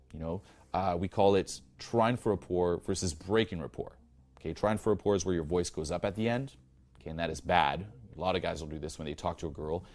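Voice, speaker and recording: A young man with a lowish, slightly mellow voice gives blunt, profane dating advice in an instructional monologue, sprinkling in lots of "you know" and "okay."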